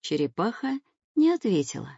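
A woman's voice: medium pitch, big pitch swings, moderate pace, vocal fry, mellow, breathy edge, no room sound. Woman narrating a children's audio tale. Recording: slightly dull recording. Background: music.

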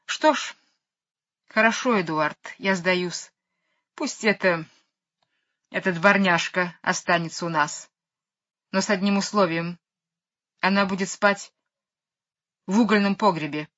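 A woman's voice: unhurried, pauses often, fairly bright tone. A woman reading an audiobook voices a fussy, hysterical older lady who wails melodramatically over her dog. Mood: tearful. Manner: shrill, wailing and melodramatic. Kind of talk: audiobook character voice. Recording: dull lo-fi recording.

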